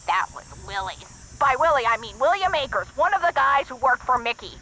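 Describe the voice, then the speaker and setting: A woman's voice: high voice, a little fast, exaggerated voice, poor audio. An actress voicing a spunky, chatty old woman in a video game. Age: older. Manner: lively, reminiscing, a little fussy. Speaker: game character.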